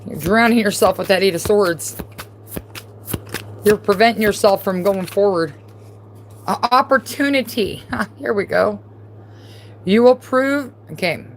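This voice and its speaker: A woman at a mid pitch reads tarot cards on a live stream. She talks casually and bluntly, addressing the viewer directly and circling back over the same points. A faint hum of room ambience sits under her voice. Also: a little slow, long pauses. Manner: casual, blunt and repetitive, talking straight to the viewer. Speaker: tarot reader.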